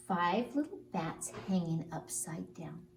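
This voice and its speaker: A woman telling stories to young children in an animated story-time style. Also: lowish voice, takes it slowly. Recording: roomy, distant mic, faint noise.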